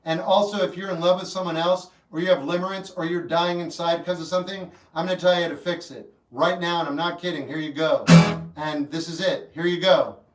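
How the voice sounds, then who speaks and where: A man's voice: on the high side, a little fast. Man in his fifties, echoey livestream. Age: 50s. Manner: relaxed, rambling, earnest when giving advice. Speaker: livestream host. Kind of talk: casual chat answering live chat. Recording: roomy echo, mic at a distance, faint guitar music.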